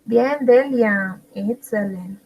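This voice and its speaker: Slow, patient woman teaching English. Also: fairly high pitch, highs cut off. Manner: slow, patient, repeats and translates each answer. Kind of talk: bilingual grammar lesson.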